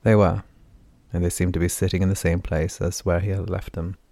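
A man narrates a fantasy novel audiobook in a low, steady voice. His delivery stays flat and measured rather than theatrical. The recording is dry and close-miked. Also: vocal fry, dry recording. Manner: even, measured reading.

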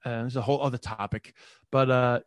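This comedian guest from Queens speaks in a medium-pitched, steady, brisk New York voice over a dry recording. Talking casually in an interview, he keeps rambling, doubling back on words and starting sentences over.

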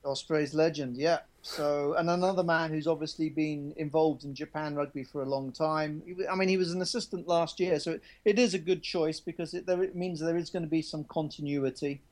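Being interviewed as a rugby journalist, this man talks frankly and often starts his sentences over. His voice is a little high and a little mellow, steady in tone, and he moves fairly quickly with hardly any pauses.

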